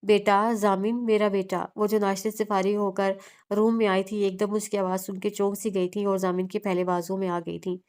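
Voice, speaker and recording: A woman's voice: mid-range voice, level tone, fairly quick, a little mellow, smooth. A woman narrating a romance novel aloud, reading every character herself with small slips and restarts. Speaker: novel reader.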